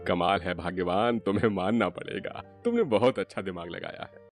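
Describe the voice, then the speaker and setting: A man's voice: deep voice, brisk, faint music behind, natural voice. A man voicing an easygoing, agreeable father-in-law in a cartoon story. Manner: agreeable, food-loving.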